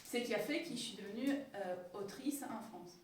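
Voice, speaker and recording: A woman's voice: fairly high pitch, brisk, a little hiss or hum. A woman from Italy speaking with an Italian accent, giving a hesitant, casual talk full of fillers as an author-illustrator. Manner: hesitant, many fillers and restarts. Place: community hall with audience. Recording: echoey hall from far off.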